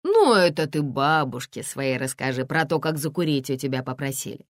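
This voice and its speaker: A sly, jovial police lieutenant colonel, as a woman reads him in an audiobook, teasing in folksy banter. His voice sits low and swings widely, loud and lively. The sound is dry and close. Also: moderate pace, no room sound. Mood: jovial mocking.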